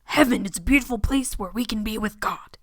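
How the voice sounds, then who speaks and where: A woman's voice: medium pitch, fairly quick, husky, dry recording, studio quality. A woman voicing a huge, friendly, pious man in a story, kindly and earnest in a preachy way.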